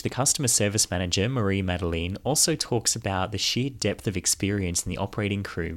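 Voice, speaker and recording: A man hosting a show, delivering scripted narration. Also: low voice. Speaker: podcast host.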